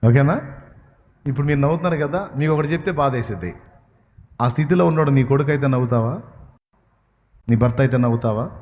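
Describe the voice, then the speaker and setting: A man's voice: mid-range voice, fast, pauses often, darkish tone. Man preaching a passionate sermon in a reverberant hall. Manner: impassioned, rising to pleading cries; asks the audience questions.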